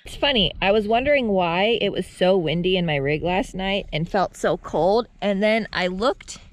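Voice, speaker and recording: A woman's voice: mid-range voice, moderate pace. A woman chatting playfully in a casual vlog recorded outdoors in the desert. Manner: bubbly, playful, laughs often. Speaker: vlogger.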